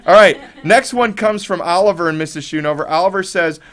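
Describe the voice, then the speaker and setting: A man's voice: high voice, brisk, fairly bright tone. A man hosting casual, upbeat school morning announcements in an encouraging, chatty, jokey way.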